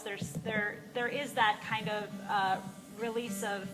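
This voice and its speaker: Between songs at a live barn show for a small audience, a singer-songwriter introduces her music, talking casually and reflectively in a halting, informal way as she searches for words. Her voice sits fairly high and sounds pushed and bright. The reverberant barn carries music behind her.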